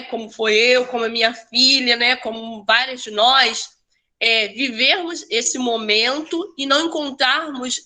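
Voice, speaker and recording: Woman, educator, casual chat, bright fairly high voice, frequent tag questions. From Brazil. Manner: conversational, tag questions, restarts. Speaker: educator and researcher. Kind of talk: casual talk with personal story.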